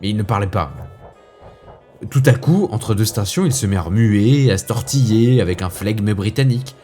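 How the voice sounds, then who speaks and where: A man playing a fussy, indignant gentleman who rants with theatrical asides, as in a comic stage monologue. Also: fairly low pitch, lively intonation, normal speed, soft background music, close to an everyday voice. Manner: huffy, ranting, theatrical asides.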